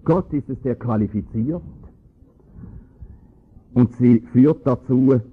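A man preaching a sermon, explaining scripture with emphatic, rising stress on key points and a husky voice. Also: medium pitch, takes it slowly. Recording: tinny phone-like lo-fi recording.

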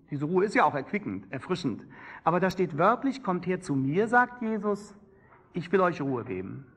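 A man's voice: high-pitched, a bit bright, husky. A man preaching a sermon with an emphatic, rising and falling cadence.

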